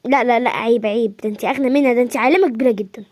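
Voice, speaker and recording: A woman with an Egyptian Arabic accent playing a calm mother who coaxes and settles a quarrel, in a homemade comedy skit. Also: very fast, no room sound, natural voice. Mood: placating. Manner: lower, placating and coaxing. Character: calm soothing mother acting as peacemaker.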